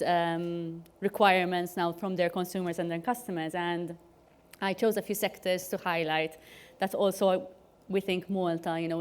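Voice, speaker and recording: A woman speaks on a conference panel. Her voice is smooth and clear and sits a little low, and she talks chattily, with plenty of "you know" and fillers. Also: a little mellow.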